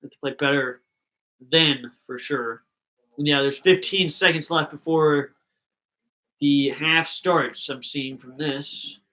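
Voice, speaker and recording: A man's voice: on the high side, takes it slowly, sharp tone, poor audio. A young man hosting a live fan reaction stream, chatting casually and rambling between thoughts.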